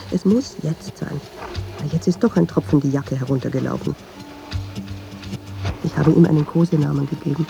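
An actress voices a brooding, persistent, troubled woman who argues with herself in a radio drama, mixing monologue and dialogue. She speaks introspectively and deliberately in a creaky, medium-pitched voice. The recording sounds dull and hissy.

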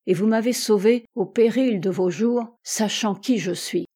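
A woman reading an audiobook voices a stern male sea captain who speaks gravely. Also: medium pitch, a little slow, dark tone, natural voice. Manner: grave, solemn.

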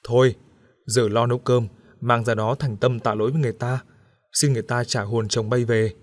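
A man's voice: mid-range voice, little pitch movement, a little fast, dry recording, clean studio sound, close to an everyday voice. A man as a stern old village elder. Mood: scolding. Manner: blunt, reproachful.

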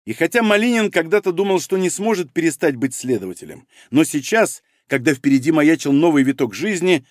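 Man reading an audiobook, pretty lively pitch, a bit high, dry close mic. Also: no echo. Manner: expressive reading. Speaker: audiobook narrator. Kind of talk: scripted narration.

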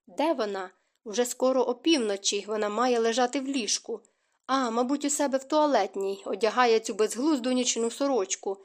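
A woman narrating an audiobook in an expressive reading style. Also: fairly high pitch. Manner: expressive reading, voices characters' lines.

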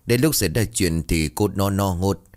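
Casting: man voicing a grumbling old sorcerer in a storybook tale, low and muttering, curses under his breath. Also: moderate pace, a little mellow, natural voice. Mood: cursing. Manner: muttering, cursing, stammering. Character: grumbling older village sorcerer, sly man.

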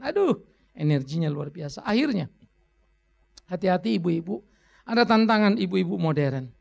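A man preaching a sermon as a pastor, animated and playful, acting out voices and dropping in English phrases. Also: high-pitched, gravelly. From Indonesia.

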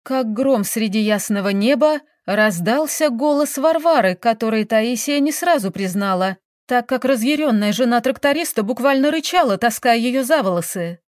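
A woman narrating a village story in an expressive reading voice. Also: fairly high pitch, moderate pace, few pauses, no echo, studio quality.

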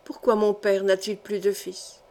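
A woman reading the part of a sorrowful, reserved young noblewoman, quiet and guarded, in an audiobook. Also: mid-range voice, monotone, measured pace, natural voice. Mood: subdued.

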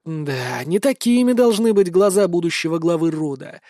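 High-voiced man narrating an audiobook. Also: animated, moderate pace, warm tone, dry recording, clean studio sound. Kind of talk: scripted narration.

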